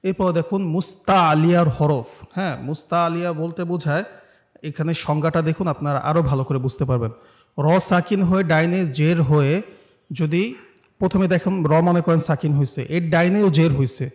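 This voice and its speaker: Bangladeshi man, slightly high voice, patient Quran recitation teacher drawling example words slowly. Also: a little mellow. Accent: Bangladeshi Bengali. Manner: explains rules patiently, then drawls words slowly for students to repeat. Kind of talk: step-by-step recitation lesson.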